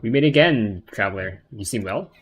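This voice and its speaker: A man voicing a calm, dryly teasing companion from a video game, polite and measured, in an amateur read-aloud. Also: fairly low pitch, breathy edge, dull audio, faint music behind.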